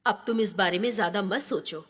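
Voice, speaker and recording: An actress playing a calm, soothing mother figure, in a dubbed horror film. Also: mid-range voice, a little fast, breathy edge, long reverb tail, close to an everyday voice.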